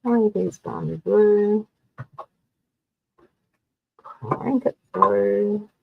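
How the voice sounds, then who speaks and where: Aussie lady doing a card making stream, gravelly voice, talks slow and easy. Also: mid-range voice, phone-quality sound, noisy background. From Australia. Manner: chatty, narrates each step to viewers. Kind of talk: live crafting tutorial.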